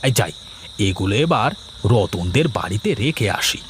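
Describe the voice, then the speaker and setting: A man's voice: lowish voice, big pitch swings, moderate pace, slight background noise. Man voicing a scheming, idle young villager, sly mutters. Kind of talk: cartoon voice acting.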